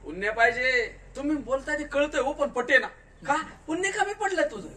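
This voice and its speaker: A man giving a spiritual discourse in a large tent, questioning the listeners and telling them to answer louder. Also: very high-pitched, lively intonation, moderate pace. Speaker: kirtankar preacher. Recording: distant mic with faint noise.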